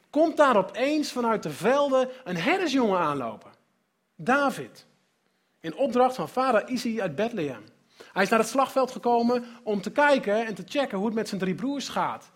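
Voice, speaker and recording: A male preacher retelling a story in a sermon, animated and dramatic, with sudden turns between loud and soft. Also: high voice, breathy edge.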